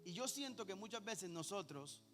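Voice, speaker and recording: A man, teasing his congregation with quick rhetorical questions. His voice echoes through a large church hall over faint background music. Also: sits high, expressive, a bit bright. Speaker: pastor. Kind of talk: sermon.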